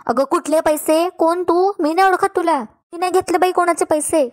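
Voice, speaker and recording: A scheming middle-aged mother, loud and theatrical, put on by a woman retelling a serial. Her voice rides high and shrill as she piles up melodramatic denials. She pleads and protests with exaggerated wailing. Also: fairly even intonation, moderate pace. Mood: flustered denial.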